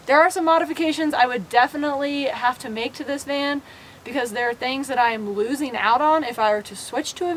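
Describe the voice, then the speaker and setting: Casting: female vlogger, high voice, chatty tour narration inside a small camper van, clear background noise. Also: fairly bright tone. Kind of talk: casual walkthrough narration to camera.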